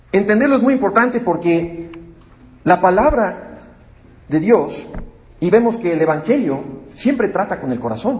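Man, Mexican accent, preacher, sermon, emphatic, repeats key words, high voice, echoey room. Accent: Mexican Spanish.

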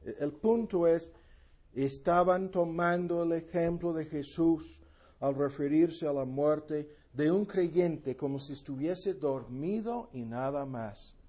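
Slow husky male preacher. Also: fairly high pitch, mellow. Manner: slow, emphatic, repeats key phrases. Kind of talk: sermon, Bible exposition.

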